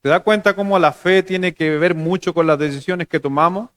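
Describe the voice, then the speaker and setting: Male pastor, Chilean accent, slightly high voice, chatty sermon delivery with soft asides. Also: steady tone, moderate pace, no echo. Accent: Chilean Spanish. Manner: conversational preaching with jokes, shifting between loud emphasis and soft low asides.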